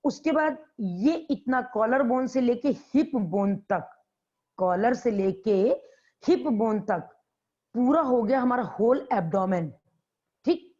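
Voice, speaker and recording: A woman's voice: a little high, lively intonation, slow, dark tone. Woman biology teacher with a dull lo-fi sound. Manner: repeats key terms and quizzes students. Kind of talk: classroom lecture. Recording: dull lo-fi classroom recording.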